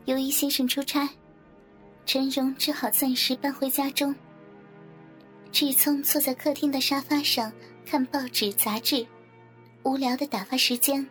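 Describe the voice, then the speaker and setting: Woman narrator, high voice, smooth even reading, faint music behind. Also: a little slow, long pauses. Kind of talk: scripted narration.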